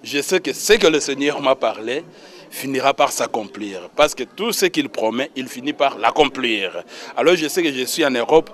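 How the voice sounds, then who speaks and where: Recounting how he was called to ministry, a church minister with a Congolese accent shares his testimony in a religious interview. He speaks at normal speed in an expressive, medium-pitched voice with a fairly bright tone.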